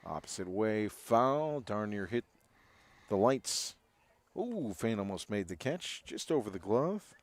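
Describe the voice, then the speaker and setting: A man's voice: on the low side, very animated, slow pace, dry recording. A man doing live baseball play-by-play, with a home run call style that stretches out on big hits.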